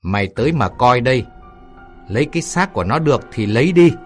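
A man voicing a hot-tempered older woman, a rich silk merchant's wife who yells and scolds. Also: animated, fairly quick, soft background music, lightly acted. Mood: wailing. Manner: shrill, yelling and scolding.

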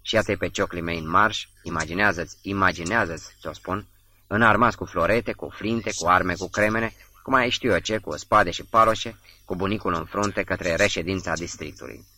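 A man reading as a boastful nobleman who retells a family tale in a lively, animated way. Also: low-pitched, full character voice.

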